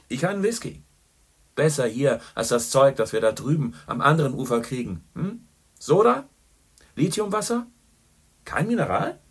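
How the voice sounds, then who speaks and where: Man putting on a loud boastful journalist. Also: fairly high pitch, slightly rough, pitched above the performer's own voice, full character voice. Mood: hearty. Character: boisterous worldly male journalist, middle-aged.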